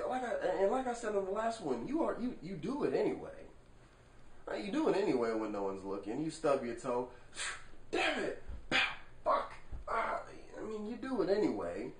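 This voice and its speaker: Man vlogger, lively swinging delivery, cusses freely, keeps asking "right?"; recorded far from the mic in a roomy space. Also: fairly high pitch. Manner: animated, rhetorical, swears freely, asks the viewer "right?". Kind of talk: casual vlog monologue. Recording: echoey room, far from the mic.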